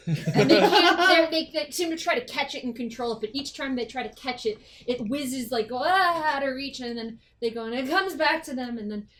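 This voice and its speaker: A woman game master improvising tabletop game narration in a halting, informal way. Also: high voice, a bit bright.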